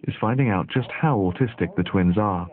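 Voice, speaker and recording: A man giving scripted documentary narration in a measured, even delivery. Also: lowish voice. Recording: tinny phone-like lo-fi sound over music.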